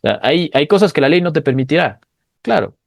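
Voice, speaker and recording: A man's voice: on the high side, sing-song, a little fast, gravelly, no echo, clean studio sound. A man, an economist guest, explaining his views earnestly over a video call, sometimes repeating words as he searches for the next one. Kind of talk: casual online interview.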